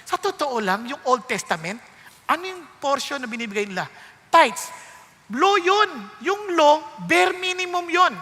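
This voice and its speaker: Man, very high voice, bright tense tone, animated preaching, long hall reverb. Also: unhurried. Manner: animated preaching with rhetorical questions. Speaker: pastor. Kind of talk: sermon.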